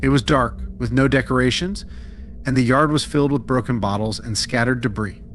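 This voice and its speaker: A man's voice: medium pitch, a little fast, a little hiss or hum. Man narrating a scary story. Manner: steady dramatic storytelling. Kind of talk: scripted horror story narration.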